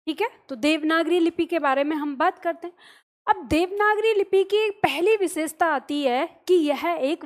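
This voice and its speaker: A woman with a high voice teaches an online grammar lesson. She sounds letters out slowly, one at a time, checking that her listeners are following. She keeps putting questions to her students and then answering them herself. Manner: checks in often with "ठीक है" and "सही है?". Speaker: Hindi teacher.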